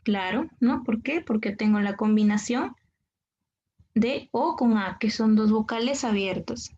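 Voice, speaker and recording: A woman's voice: fairly high pitch, a little slow, darkish tone. A woman teacher with a Peruvian accent explaining a lesson patiently, checking with "¿no?" after each point. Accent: Peruvian Spanish. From Peru. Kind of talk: explaining grammar to students. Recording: dull lo-fi sound.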